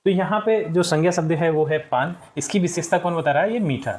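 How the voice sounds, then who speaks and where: A man's voice: on the high side, brisk. A man teaching a children's class, walking step by step through textbook exercises, patient and repeating each answer. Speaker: school teacher. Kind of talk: explaining a textbook lesson to children.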